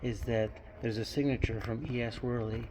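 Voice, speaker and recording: A man's voice: mid-range voice, fairly even intonation, moderate pace. Man guiding a caving trip, faint background noise. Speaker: caving guide and vlog host. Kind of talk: informal guided-tour narration to camera.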